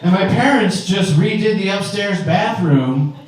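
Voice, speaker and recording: A man's voice: high voice, lively intonation, unhurried, pitched above the performer's own voice. A man imitating his wife in a light, rambling, hinting way. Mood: breezy. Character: breezy wife hinting at plans. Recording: very echoey room, distant mic.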